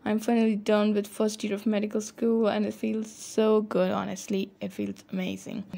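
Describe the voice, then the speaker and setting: With music running in the background, a young adult vlogger cheerfully narrates her day in village fields and at a restaurant, blending Hindi-Urdu phrases into her English. She speaks at a normal speed in a gravelly, mid-range voice with a level tone.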